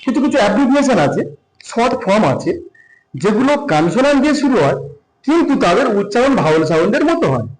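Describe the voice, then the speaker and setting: A man teaching a grammar lesson, reading English rules slowly and then explaining them with rising emphasis. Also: extremely high pitch, sing-song. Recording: echoey room.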